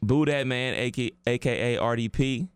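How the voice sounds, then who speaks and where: A man's voice: mid-range voice, normal speed, smooth, no room sound. A man in his thirties hosting a casual chat, slangy and playful in his banter.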